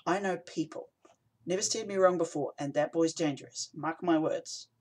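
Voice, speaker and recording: Brief: man playing a blunt, forthright woman, voice lifted a touch higher, audiobook. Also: moderate pace, a little mellow, lightly acted. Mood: suspicious. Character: blunt, suspicious woman from a supply cell.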